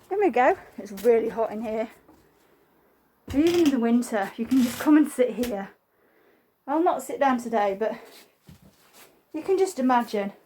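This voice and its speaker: A high-pitched woman leads a property tour with chatty enthusiasm, talking straight to the viewer. She sounds slightly out of breath from wearing a mask. The recording comes from a handheld phone, moving between rooms and the garden. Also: dark tone. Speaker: estate agent. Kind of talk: walk-through property tour. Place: house and garden, indoors and outdoors.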